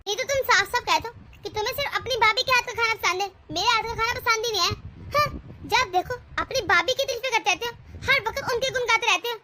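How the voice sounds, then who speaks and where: A woman voicing a quarrelsome young wife in an animated cartoon, talking in an indignant, scolding way. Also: very high-pitched, quick pace, a little hiss or hum. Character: young quarrelsome wife, sharp-tongued and defiant.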